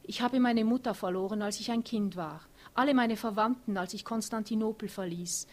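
A woman reading a novel aloud and voicing a young empress, upset and grieving, her lines a bit higher and louder than the narration. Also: normal speed, natural voice. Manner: agitated, defensive, later mournful.

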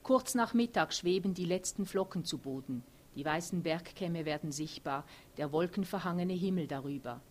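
A woman reading aloud from her own historical novel in a measured, even storytelling voice. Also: lowish voice, slight background noise.

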